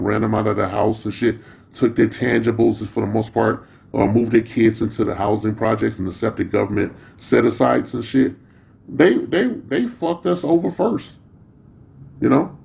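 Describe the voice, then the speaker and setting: A man's voice: medium pitch, creaky, a little mellow. A middle-aged or older man giving an informal, rambling opinion rant, blunt, profane and slangy, with a scornful, confrontational edge. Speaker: social media commentator. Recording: dull, muffled lo-fi sound.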